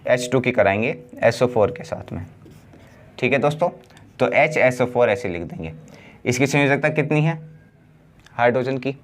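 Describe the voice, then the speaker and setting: A male chemistry teacher talks through a lesson at a middle pitch. He poses questions to the class and answers them himself, drawing the key words out slowly. A faint hiss sits under the recording. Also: animated. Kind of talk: blackboard lesson.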